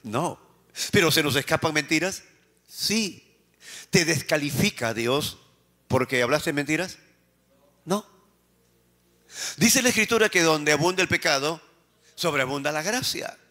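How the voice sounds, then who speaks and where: A Peruvian man preaching a sermon as a pastor. He fires questions at the congregation, answers them himself, and swings between raised emphatic lines and quiet, slowed phrases. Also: a little high, animated. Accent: Peruvian Spanish.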